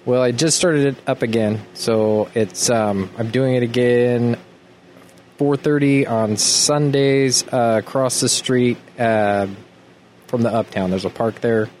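Male podcast guest, mid-range voice, halting explainer with restarts, casual delivery, noisy room ambience. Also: mid-range voice, fairly even intonation, a little mellow. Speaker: guest, tattoo artist and sports club organiser. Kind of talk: casual chat.

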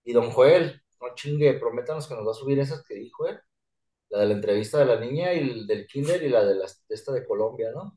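A man's voice: medium pitch, animated, fairly quick. A man with a Mexican Spanish accent hosting a podcast, talking in slangy, joking casual chat. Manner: slangy, joking, reacts loudly. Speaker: podcast host. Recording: echoey room.

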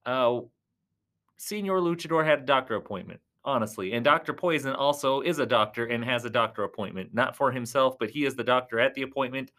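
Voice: mid-range voice, lively intonation, fairly quick, fairly bright tone, natural voice. A performer voicing a goofy clown who commentates on thumb wrestling, with a rambling, giggly, joking delivery. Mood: chatty. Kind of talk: comic sports commentary.

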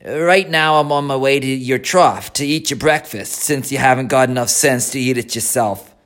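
A crafty, gluttonous rat, voiced by a man, sour and disdainful. He speaks up loudly with a slightly raised pitch, a storybook scoundrel. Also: moderate pace, natural voice.

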